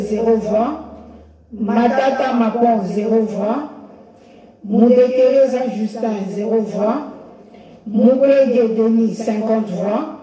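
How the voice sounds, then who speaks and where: Slow official reading vote counts. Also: male voice, extremely high pitch, dark tone, heavy reverb, distant mic, rough recording. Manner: slow, measured listing with pauses. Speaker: election official reading results.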